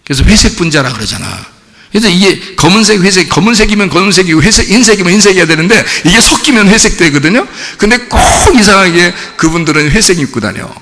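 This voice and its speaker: A man's voice: high voice, lively intonation, fast, pushed and bright. A middle-aged man preaching a sermon as pastor, telling stories animatedly with mimicry and laughter. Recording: long hall reverb.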